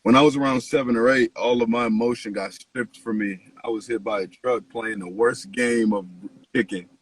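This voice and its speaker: A man hosting a podcast in a casual, slangy, profanity-laced chat, with a husky voice. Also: medium pitch, fairly even intonation, normal speed, rough recording. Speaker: podcast host, interviewer.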